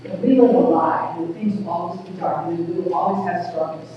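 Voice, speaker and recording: Middle-aged woman, small thin voice, earnest halting public speaker, distant mic in a long-reverb hall. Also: fairly low pitch, a little hiss or hum. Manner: earnest, plain-spoken, halting restarts. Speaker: speaker at a community awareness event. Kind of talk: public talk. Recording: echoey hall recorded from afar, dull.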